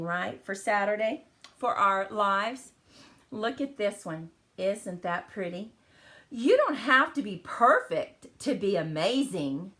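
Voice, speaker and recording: During a live crafting demo, a woman who runs a card-making channel chats in a welcoming way. Her voice is on the high side and a bit bright, with some crackle left over from the flu.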